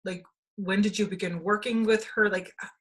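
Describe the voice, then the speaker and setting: A woman from Denmark hosting a spiritual podcast interview, talking in a halting way with many restarts and fillers. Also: mid-range voice, steady tone. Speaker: podcast host. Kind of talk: casual conversational interview.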